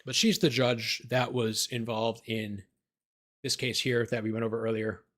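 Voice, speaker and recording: A man hosting a livestream as an attorney, reading court documents aloud and commenting casually, his voice tiring and going hoarse. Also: medium pitch, fairly even intonation, normal speed, fairly bright tone. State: losing his voice.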